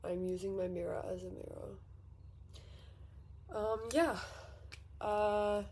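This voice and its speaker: An Australian eighteen-year-old from Victoria vlogs from her bedroom vanity, chatting casually and somewhat rambling, with self-deprecating humor, as she gets ready and does her makeup. Her voice is mid-range and a little mellow, slow and fairly even, with slight background noise.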